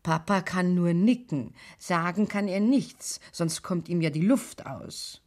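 A woman narrating a children's radio play in a calm, clear storytelling manner. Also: lowish voice, slow pace.

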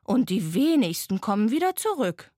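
A woman's voice: fairly high pitch, big pitch swings, normal speed, mellow, no room sound, clean studio sound. A woman voicing a rusty old toy train that puffs and groans as it talks. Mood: weary. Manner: puffing, groaning.

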